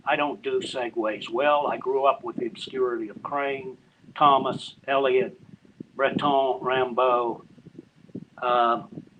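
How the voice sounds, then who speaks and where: An older man at an open mic, slowly and hesitantly introducing his short poems before reading them. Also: mid-range voice, level tone, dull audio, background noise. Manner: slow, rambling, hesitant.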